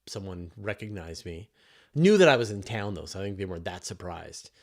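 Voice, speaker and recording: A journalist hosts a live science question show, his voice low-pitched, lively in intonation and fairly quick. He reads questions and answers off the cuff in a casual, emphatic way, often rephrasing mid-thought.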